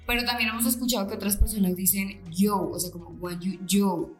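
A woman's voice: mid-range voice, fast, reverberant, faint music behind. A woman co-hosting a podcast, chatting casually and laughing often as she thinks aloud. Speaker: podcast co-host. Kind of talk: casual chat.

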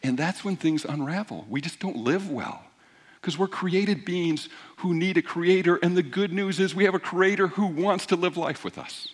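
A man's voice: sits high, moderate pace, slightly rough. A man preaching a sermon in a church as pastor, explaining in a conversational teaching manner that builds to emphatic points.

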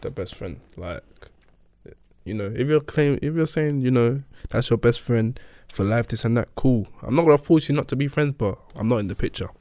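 Animated young man, London roadman accent. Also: medium pitch, moderate pace, no room sound. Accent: London, urban roadman slang. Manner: emphatic, repetitive, slangy. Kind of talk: casual group discussion.

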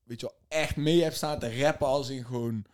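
Young man, casual chat, slangy, laid-back, fillers, average pitch. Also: fairly even intonation, fairly quick, a little mellow. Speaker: podcast co-host.

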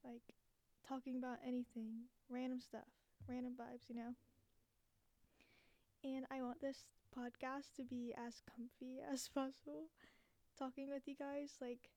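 A nineteen-year-old woman chatting casually and unscripted as a podcast host, giggly and self-deprecating, a little breathy, talking from under a blanket. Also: high-pitched, level tone, measured pace, mellow, no room sound. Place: small dorm room, under a blanket. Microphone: cheap basic recording gear, close up.

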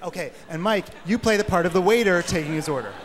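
An eager, insistent man doing live sketch comedy, with a notably high voice for a man. He is recorded on stage with a long hall reverb and an audience behind him. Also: animated, fast talker. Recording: live stage show with crowd and hall echo.

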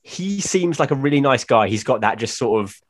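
A man's voice: medium pitch, lively intonation, brisk. A man co-hosting a football podcast, talking bluntly and laughing often in casual chat. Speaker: podcast co-host.

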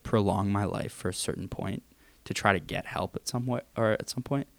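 Young male podcast co-host, gravelly and low, dry home-mic sound, loose and profane. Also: dry recording. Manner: casual, profane, fast banter. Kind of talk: casual chat. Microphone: home computer mic with headphones.

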